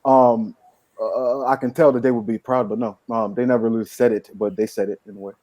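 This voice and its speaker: A man's voice: mid-range voice, fairly even intonation, fairly quick, mellow, no echo. Hesitant comedian man, dry sound. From Nigeria. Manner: hesitant, filler-heavy, then joking. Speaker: comedian panelist. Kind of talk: casual panel chat.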